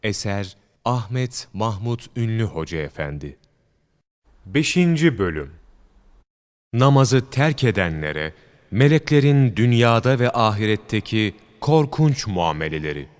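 A man reading a religious book aloud in a measured, solemn narration. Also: on the low side, sing-song. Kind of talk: scripted religious audiobook narration. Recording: long hall reverb.

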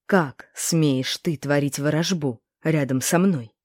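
A woman voicing a powerful male inquisitor in a storybook, speaking quietly and slowly in a lowered voice. His calm is cold and menacing. The recording is close and dry. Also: no echo, close to an everyday voice.

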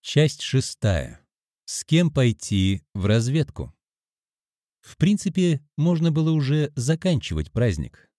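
A man narrating an audiobook in an expressive storytelling manner. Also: mid-range voice, slow pace, no room sound, studio quality.

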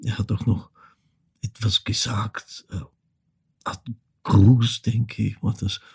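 An older man from Vorarlberg, Austria, haunted by memories of his troubled mother, delivers a theatrical monologue as intimate storytelling. His low, husky, creaky voice is badly frayed, a little mellow and level in tone, and his heavily acted, brooding delivery halts and drifts into whispers. The mood is haunted and reflective.

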